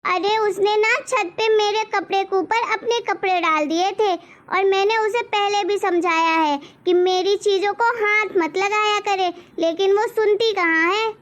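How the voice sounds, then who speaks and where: A woman's voice: very high voice, unhurried. A woman voicing a quarrelsome, hot-tempered eldest daughter-in-law in a cartoon story. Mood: angry. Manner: angry, threatening, self-pitying.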